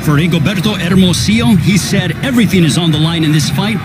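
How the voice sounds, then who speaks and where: A male play-by-play commentator calls a boxing match live. His voice sits high, with loud music behind it. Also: fast talker.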